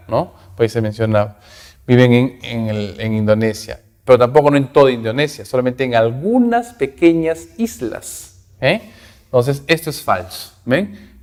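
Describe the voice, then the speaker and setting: A man's voice: medium pitch, a little mellow. Man teaching in a reverberant room. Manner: explains in Spanish, reads English aloud, keeps asking "¿no?". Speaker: English teacher. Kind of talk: recorded class lesson.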